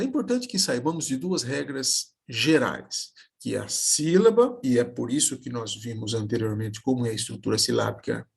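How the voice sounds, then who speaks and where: Gravelly, husky male teacher. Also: medium pitch, a little mellow. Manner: slow, careful, spelling words out syllable by syllable. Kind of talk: video lesson explaining with examples.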